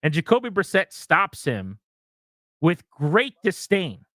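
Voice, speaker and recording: A man on sports talk radio, his voice sitting a little high for a man and recorded dry and close. He lays out his opinions with conviction and speaks right at his listeners. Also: sing-song, slow, a bit bright, no room sound. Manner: opinionated, talks straight to listeners. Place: radio studio.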